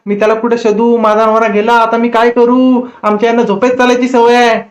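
A man voicing an elderly wife who wails slowly and drawn-out. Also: fairly high pitch, level tone, pitched above the performer's own voice, natural voice. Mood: wailing. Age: older. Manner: wailing, drawn-out. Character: elderly wife wailing for lost husband. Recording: roomy echo.

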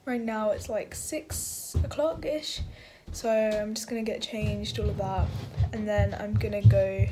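A woman's voice: medium pitch, fairly even intonation, unhurried, over music. A young woman, a university student, narrating her week in a casual vlog, chatty and full of fillers. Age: young adult.

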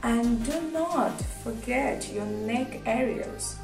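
A woman's voice: fairly high pitch, slow pace, music in the background. Indian-accented young woman, echoey bathroom vlog. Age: 20s. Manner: chatty, repeats words for emphasis. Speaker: vlogger. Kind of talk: casual chatty vlog talk. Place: hotel room and small tiled hotel bathroom. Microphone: phone propped a short distance away. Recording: echoey tiled bathroom, distant phone mic.

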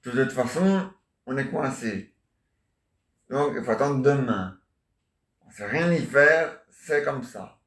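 Speaking in a mid-range, slightly bright voice, an animated amateur stage performer moves at a slow pace with many pauses through his improvised, meandering comic monologue. He chats back to imaginary listeners, adds questions, and peppers everything with "hein?" and "ah ouais". The recording has a lot of room echo.

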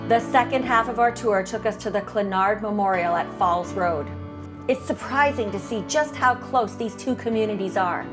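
A woman's voice: mid-range voice, moderate pace. A middle-aged woman hosting a travel vlog, narrating the sights in an upbeat, descriptive way. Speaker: travel vlogger host. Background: background music.

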